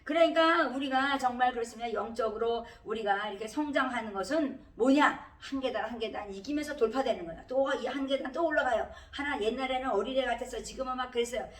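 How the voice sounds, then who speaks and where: A middle-aged woman pastor preaching with a fairly high voice. She talks in a chatty way and often rises into emphatic exhortations. The recording is roomy and echoey, and she sounds set back from the microphone. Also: fast talker, few pauses. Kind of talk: sermon. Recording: roomy echo, heard from a distance.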